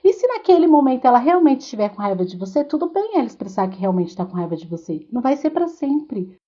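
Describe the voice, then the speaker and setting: Brazilian woman in her 30s chatting about parenting, bit high voice, dark mellow tone, dull lo-fi sound. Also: very animated, fast. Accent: Brazilian Portuguese. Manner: earnest, storytelling, with filler "é" and restarts. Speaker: podcast co-host and mother. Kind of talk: casual advice talk.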